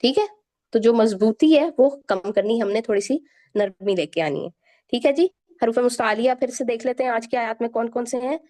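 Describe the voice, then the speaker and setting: Her voice sits on the high side and sounds mellow. Speaking with a Pakistani Urdu accent, she leads an online Quran recitation class, going over every letter sound slowly and patiently, again and again.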